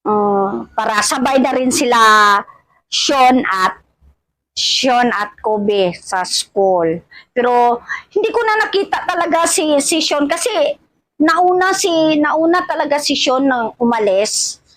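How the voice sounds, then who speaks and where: A Filipino woman with missing front teeth chatting casually to her vlog viewers, halting and often repeating her words. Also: high voice, lively intonation, no echo, poor audio. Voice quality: speech of someone with missing front teeth, wearing old dentures. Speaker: vlogger. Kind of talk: casual rambling vlog chat addressed to viewers.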